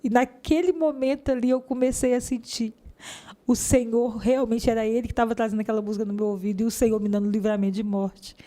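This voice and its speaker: A woman with a Brazilian Portuguese accent giving a fervent, heartfelt religious testimony in an interview, her pace swinging between rushed and slow. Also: a little high, steady tone, mellow.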